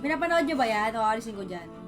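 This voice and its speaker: With music playing behind her, a chatty livestream host from the Philippines reads viewers' comments out loud and replies to them in her Filipino accent. Her slightly high voice is very animated, and she talks fast.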